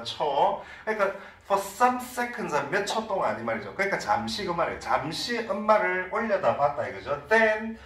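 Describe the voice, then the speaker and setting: A man with a Korean accent teaching an English reading lesson, explaining in Korean and reading English sentences slowly. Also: high voice, a bit bright, reverberant, recorded from a distance, poor audio. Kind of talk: online lecture.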